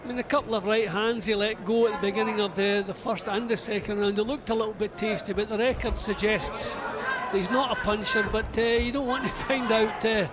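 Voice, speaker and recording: Male co-commentator, high voice, breaks down tactics over a roaring crowd. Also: fairly even intonation, a little fast. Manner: coaching-style analysis with fillers. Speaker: boxing pundit. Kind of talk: live boxing commentary. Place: ringside at an indoor boxing arena. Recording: loud arena crowd behind.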